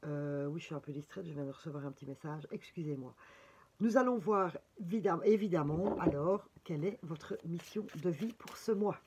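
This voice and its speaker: A woman's voice: sits low, mellow, breathy edge, muffled recording. A woman with a Belgian French accent giving a casual horoscope reading with cards, chatty and full of fillers and exclamations. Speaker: tarot reader.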